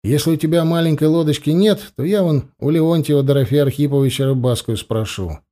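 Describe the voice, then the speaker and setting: Man as a calm, wry officer. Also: fairly high pitch, fairly quick, natural voice. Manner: calm, dry humor. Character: lieutenant colonel, family man, calm and wry.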